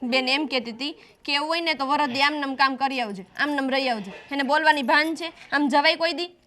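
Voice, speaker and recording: A woman's voice: high-pitched, brisk, bright, forceful tone. A woman playing a defiant younger daughter who argues with her family. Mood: arguing. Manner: defiant, argumentative. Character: stubborn younger daughter insisting on marrying first. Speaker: younger sister. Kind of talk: family drama acting.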